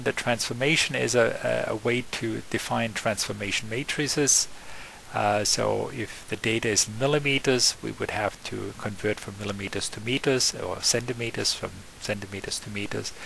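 A man giving an unscripted, step-by-step software tutorial, often pausing with fillers and correcting himself. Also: on the low side, gravelly, a little hiss or hum, rough recording. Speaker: software trainer. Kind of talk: screen-recorded software tutorial.

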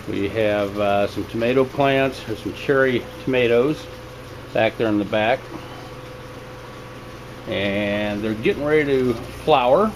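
Holding the camera himself, a man casually narrates an unscripted walkthrough of his home hydroponics hobby in a small basement room. He sounds plain-spoken and low-key, with a constant loud hum and running water noise in the background.

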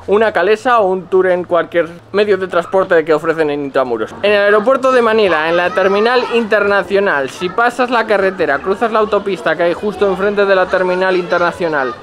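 Thirties male travel vlogger, Spain Spanish accent, pitched high, casual swearing, recorded outdoors at arm's length. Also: a little fast, few pauses, noisy background. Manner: blunt, joking, swears casually. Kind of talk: casual travel tips to camera. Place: narrow outdoor city alleys. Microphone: handheld camera at arm's length.

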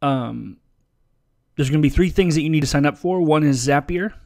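Relaxed man giving a casual software walkthrough. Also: fairly high pitch, moderate pace, vocal fry. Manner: casual, relaxed, with frequent ums and uhs. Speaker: tutorial presenter. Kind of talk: screen-share software walkthrough.

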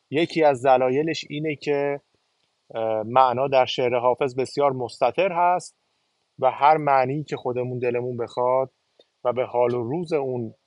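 A man hosting a spoken lesson on reading classical poetry, explaining in a measured way with occasional filler sounds. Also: medium pitch, darkish tone, no room sound. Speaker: channel host teaching poetry reading.

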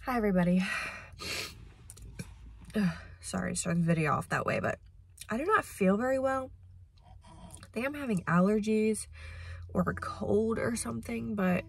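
A woman in her twenties with a cold-stuffed nose vlogs her day on a phone held at arm's length, first in a car, then at home. Her mid-range voice is expressive, creaky and slightly rough, at a moderate pace with long pauses, and she rambles casually with plenty of fillers.

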